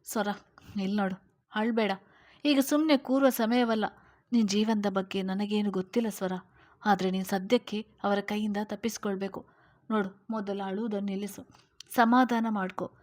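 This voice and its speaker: A resolute young woman takes charge and rattles off orders , as a woman narrator puts her on. Her delivery is firm and even, with little rise and fall. This is a Kannada-style audio story read aloud. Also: medium pitch, natural voice. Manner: firm, commanding, brisk instructions.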